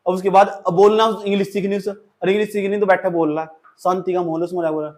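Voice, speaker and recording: A man's voice: high voice, flat delivery, fast, a little mellow. A man with an Indian accent giving a classroom English lecture, switching between Hindi and English and acting out sample sentences. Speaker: English teacher.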